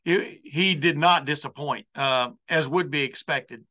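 A man's voice: a little high, unhurried, bright, forceful tone. A man hosting a college football show with an unscripted monologue, folksy and rambling, often circling back over his phrases. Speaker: sports talk show host.

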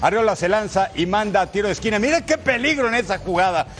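A man giving football highlights commentary in a colloquial, exclamatory way, talking straight to the viewer. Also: fast, a bit bright.

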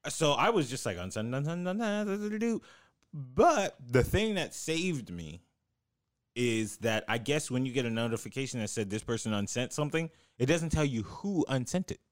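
A man's voice: mid-range voice, expressive, normal speed, dry recording, clean studio sound. A young man telling stories in casual podcast chat, slangy and laughing often.

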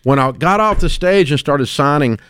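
A man's voice: a little high, lively intonation, normal speed, fairly bright tone, clean tone, no echo. A man in his sixties with a Southern US accent, hosting a radio show and telling stories in a folksy way with frequent restarts. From American South. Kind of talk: casual radio talk.

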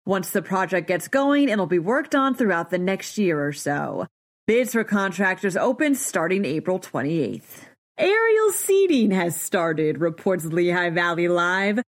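A woman hosting a daily local news podcast, reading a script in a brisk, upbeat newsreader manner. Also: lowish voice, very animated.

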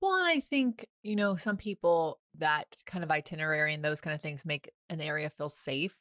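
A woman hosting a podcast, with a fairly low voice and a dry, close sound. She chats casually and tells stories, with plenty of fillers along the way. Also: expressive, normal speed, a bit bright, no room sound. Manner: chatty, storytelling with fillers. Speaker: podcast host.

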